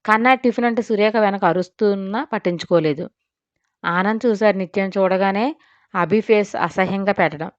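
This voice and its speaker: A woman narrating a story in a lively, expressive way. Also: mid-range voice, moderate pace, no echo. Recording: dull dry lo-fi sound.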